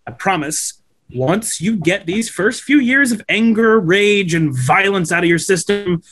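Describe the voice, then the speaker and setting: Reading from home over a video call, a thirtysomething man voices a slick, upbeat corporate representative lecturing schoolboys. The delivery is earnest and persuasive, with a high, expressive, slightly bright and exaggerated voice at an unhurried pace.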